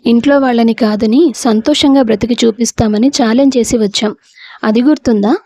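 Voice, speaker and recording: A woman's voice: on the high side, brisk, mellow, no room sound. A woman voicing a hurt young wife and mother who speaks reproachfully. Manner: tearful, reproachful.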